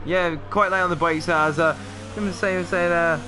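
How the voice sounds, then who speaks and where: A man commentating casually on a livestreamed race, chatty and excitable, who can't pronounce his R and TH sounds, saying w for r. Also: moderate pace. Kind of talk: casual live sim-racing commentary with banter. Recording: noisy mic with engine rumble.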